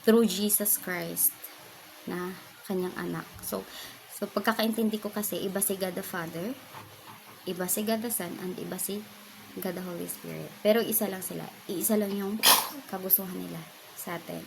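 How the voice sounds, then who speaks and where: Soft-spoken Filipina sharing a story. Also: female voice, fairly low pitch, steady tone, vocal fry, noisy background. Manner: soft-spoken, pauses often with fillers. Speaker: vlogger. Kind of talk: casual personal testimony.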